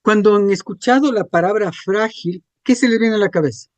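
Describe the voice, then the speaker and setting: Guy teaching a class, pretty high voice, keeps asking "ya?" to check in, dry sound. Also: fairly quick, no echo. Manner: asks the class frequent check questions. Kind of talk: classroom lecture.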